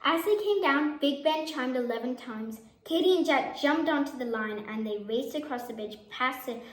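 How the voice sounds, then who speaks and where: High-pitched woman reading a children's story. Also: moderate pace. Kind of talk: children's picture-book read-aloud. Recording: echoey room.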